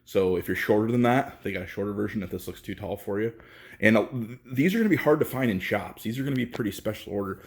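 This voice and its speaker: A man giving a casual, halting walkthrough of a bike in a workshop, with lots of fillers, a bit out of breath. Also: fairly low pitch, animated. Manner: rambling, halting, with many fillers. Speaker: bike reviewer. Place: indoor workshop.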